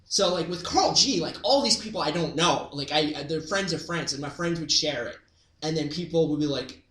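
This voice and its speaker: Comedian guy rambling in an interview, bright voice, echoey room, like and um everywhere. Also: on the high side, lively intonation, normal speed. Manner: rambling, full of "like" and "um" fillers. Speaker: comedian guest. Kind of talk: casual interview chat. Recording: roomy echo.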